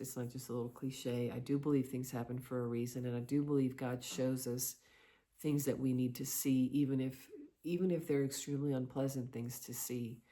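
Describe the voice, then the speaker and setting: A middle-aged woman giving a confessional personal monologue in a halting, reflective way, often pausing between short phrases. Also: rumbling low, warm tone. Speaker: vlogger sharing personal experiences.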